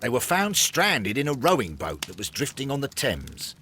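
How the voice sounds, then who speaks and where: A man's voice: mid-range voice, wildly swooping pitch, moderate pace, sharp tone, a little hiss or hum. A man acting a blustering, easily flustered Victorian police inspector in a game, with an English accent and emphatic delivery. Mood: pressed, businesslike. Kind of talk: video game cutscene acting.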